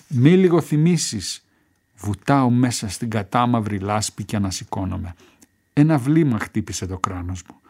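A man reading a first-person war story aloud in a measured, tense storytelling manner. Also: mid-range voice, a little mellow. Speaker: narrator.

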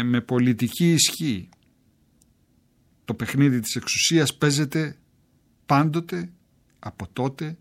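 A man narrating a literary essay in a measured, emphatic reading style. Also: mid-range voice.

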